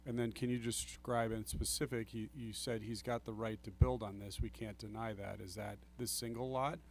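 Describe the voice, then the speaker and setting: A man's voice: lowish voice, level tone, normal speed, slight background noise. A man on a planning commission, talking earnestly at a public meeting, apologizing and thinking aloud with restarts into a table microphone he sometimes drifts away from. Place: council meeting room. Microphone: table microphone, sometimes off-axis.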